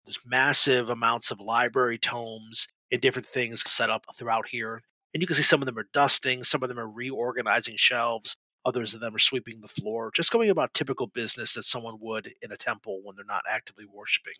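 Bright, dry game master narrating. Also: male voice, mid-range voice, a little fast, no room sound, poor audio. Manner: descriptive, steady storytelling.

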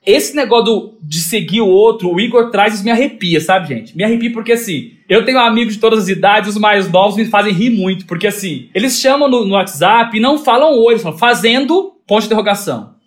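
A Brazilian man speaks with a notably high voice for a man. He talks as an interview guest, reflective and conversational. His delivery is animated, and he acts out little exchanges as he goes. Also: fast, few pauses. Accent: Brazilian Portuguese. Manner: animated, acts out quoted dialogue.

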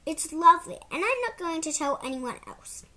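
A woman voicing an eager young girl in a storybook, earnest and lively. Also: very high voice, normal speed, pitched above the performer's own voice, exaggerated voice.

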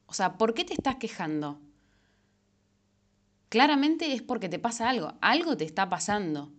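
Young woman, Rioplatense accent, casual self-help vlogger; lively, filler-heavy delivery. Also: fairly high pitch, normal speed. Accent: Rioplatense Spanish. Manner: chatty, animated, frequent fillers and self-corrections. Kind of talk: casual advice monologue.

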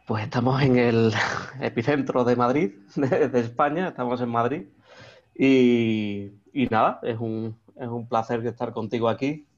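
Over dull audio, a guest in a remote interview talks in a mid-range voice at a slightly slow pace. He's in his thirties, comes from Extremadura, Spain, and has the accent to match, often restarting and filling gaps as he hesitates.

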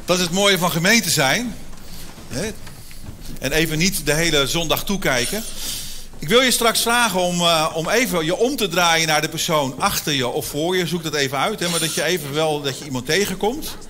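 A man preaches a Sunday sermon in a church, retelling a Bible story with lively storytelling energy. His voice sits high and sounds bright and sharp. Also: moderate pace, slight background noise.

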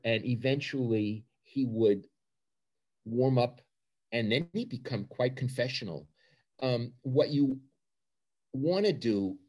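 A man's voice: medium pitch, a little mellow. An older man with a Brooklyn accent answering interview questions as a sports journalist, with emphatic repetition and short punchy phrases.

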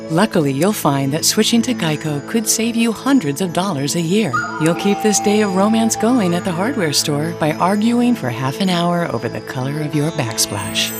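A woman narrating a mock horoscope advert in a deadpan manner. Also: fairly low pitch.

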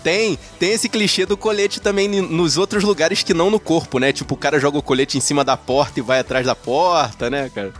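A man co-hosting a casual podcast chat, animated and quick to exclaim. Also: on the high side, faint music behind. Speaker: podcast co-host.

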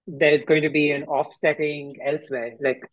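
A man's voice: on the high side, little pitch movement, dry recording, rough recording. Dry-sounding man asking questions. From India. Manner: questioning, thoughtful, slow when recalling. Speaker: podcast host. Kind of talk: casual discussion.

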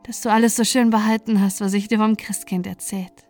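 A woman's voice: mid-range voice, steady tone, fairly quick, a little mellow, faint music behind, close to an everyday voice. Woman reading a tender young nursing sister. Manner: tender, comforting.

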